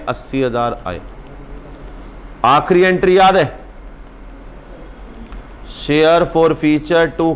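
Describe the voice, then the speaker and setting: A man gives a brisk exam-prep accounts lecture, teasing his class and urging them on. His voice sits high. Faint classroom noise hums underneath. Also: a bit bright. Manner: brisk, teasing, urges students on. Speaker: accounts teacher.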